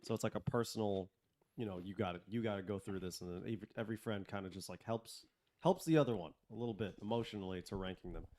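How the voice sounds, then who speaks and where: Excitable swearing podcast host, low voice. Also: male voice, fast talker. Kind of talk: casual group chat. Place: studio with close mics.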